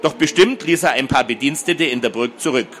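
A man narrating a fantasy adventure story as an audiobook reading, in a steady storytelling voice. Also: medium pitch, a little fast, soft background music.

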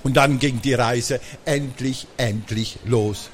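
A man reading a children's story aloud in a lively, animated way. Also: medium pitch, takes it slowly, a little hiss or hum.

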